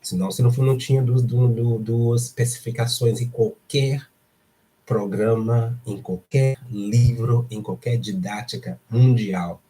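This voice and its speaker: A man's voice: mid-range voice, fairly even intonation, unhurried, mellow. A man from Brazil with a Brazilian Portuguese accent, hosting a casual live stream and stressing points by repeating words. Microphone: streaming setup.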